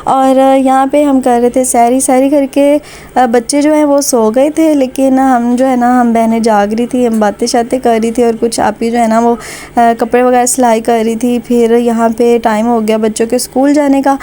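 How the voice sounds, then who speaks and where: A woman's voice: fairly high pitch, flat delivery, normal speed, mellow, slight background noise. A woman from Pakistan with a Pakistani Urdu accent, narrating her family vlog in a chatty, conversational way with frequent fillers. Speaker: vlogger.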